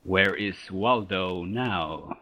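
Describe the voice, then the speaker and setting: Guy from sweden, very low voice, takes his time, dry jokes. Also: bright, forceful tone. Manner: slow, dry humor. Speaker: interviewee, competitive player. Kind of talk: casual interview.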